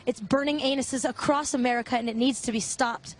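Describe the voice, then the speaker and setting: A woman's voice: high voice, steady tone, brisk. A woman reporter conducting a mock news interview in an earnest, straight-faced way.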